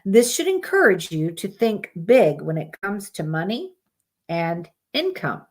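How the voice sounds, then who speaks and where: A woman's voice: medium pitch, sing-song, unhurried. Woman casually reading horoscopes aloud. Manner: reads aloud plainly, breaks off with swearing asides. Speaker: live streamer reading horoscopes. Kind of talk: casual reading with chatty asides.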